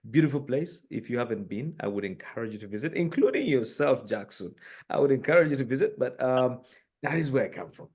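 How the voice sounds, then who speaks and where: A northern Ugandan man appears as an executive guest on an interview podcast, speaking earnestly and emphatically about purpose with lots of fillers. His medium-pitched voice is expressive, slightly fast and a touch mellow, with a breathy edge. It's a reflective, conversational interview recorded in a room with books behind him.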